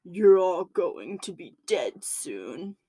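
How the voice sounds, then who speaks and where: A woman voicing a possessed young man, speaking slowly in a low, menacing demonic voice. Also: sing-song, dark tone, husky, no room sound, heavily acted. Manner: slow, low, menacing delivery.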